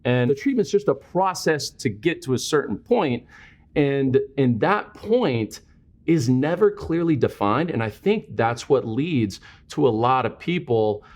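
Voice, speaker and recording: A man's voice: medium pitch, lively intonation, a little slow, a little mellow. A man interviewing a guest conversationally, laying out scenarios in an explanatory way and checking in as he goes. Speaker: interviewer, dental sales trainer.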